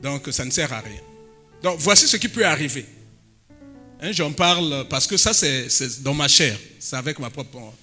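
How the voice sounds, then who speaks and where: A man preaching a sermon as pastor, breaking into sudden loud emphatic bursts and dropping in Lingala phrases. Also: fairly high pitch, animated, normal speed, soft background music.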